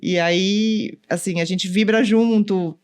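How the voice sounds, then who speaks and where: A woman volleyball coach chatting in an interview, animated, often acting out what others said and tagging sentences with "né?". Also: mid-range voice, takes it slowly, clean tone. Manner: animated, acts out quotes, many "né?" tags. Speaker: volleyball coach, former pro player. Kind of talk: casual interview chat.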